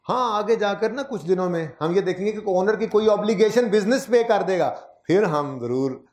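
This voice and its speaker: In an echoey classroom, a male accounting teacher lectures step by step, checking in often with his students. His voice sits high with lively intonation, a moderate pace, and a darkish tone.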